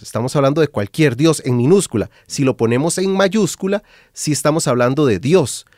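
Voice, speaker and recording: A man's voice: medium pitch, darkish tone, dry recording. Man hosting a dry studio talk. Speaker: program host. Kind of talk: interview questions on a religious program.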